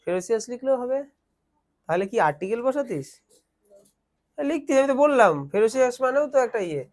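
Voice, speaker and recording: A man's voice: very high voice, lively intonation, quick pace. Questioning male teacher in class. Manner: questioning, explains step by step. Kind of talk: classroom grammar lesson.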